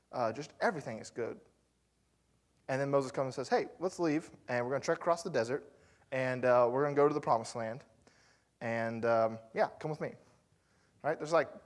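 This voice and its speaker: A pastor with a mid-range voice preaches a sermon, telling the story conversationally with fillers and asides to his congregation.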